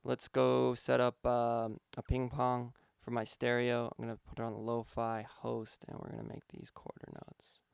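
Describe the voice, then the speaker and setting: A man's voice: medium pitch, completely flat delivery, normal speed, vocal fry, few pauses, smooth, no echo, studio quality. A man, a music producer, casually walking through his vocal mixing steps, thinking aloud with some fillers. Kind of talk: casual instructional walkthrough.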